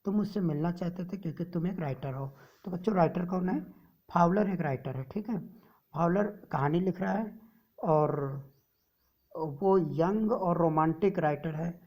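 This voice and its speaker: Woman teacher, lower voice, explains a story to the class and answers her own questions, dull lo-fi sound. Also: moderate pace. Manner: asks the class questions and answers them herself. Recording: dull lo-fi recording.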